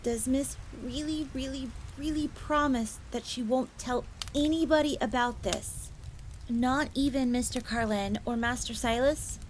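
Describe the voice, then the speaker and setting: Again the woman gives the young fox maid a high, unhurried voice, earnest and secretive, confiding castle lore like a servant in an audio roleplay. This time she sounds hesitant and sincere, still calling herself by name in the third person, with a fire crackling behind her.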